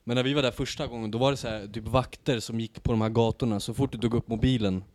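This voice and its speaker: A man co-hosting a casual podcast, telling an anecdote in an animated way that builds to loud excitement. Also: mid-range voice, dry recording. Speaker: podcast co-host. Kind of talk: casual storytelling.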